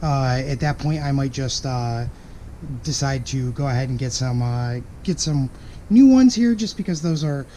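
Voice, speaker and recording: A man with a hoarse voice that is partly lost, talking casually to camera in a rambling, apologetic way about a car project. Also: medium pitch, animated, moderate pace, warm tone. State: hoarse, losing his voice. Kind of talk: casual vlog talk to camera. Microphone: camera-mounted microphone. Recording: noisy ambient camera microphone recording.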